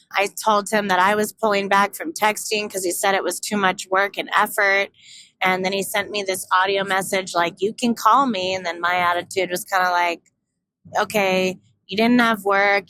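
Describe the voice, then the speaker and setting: A woman's voice: medium pitch, sharp tone, slight background noise, rough recording. A young woman telling a casual vlog story, candid and profane, acting out both sides of a conversation. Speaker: vlogger. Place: in a car on a road trip.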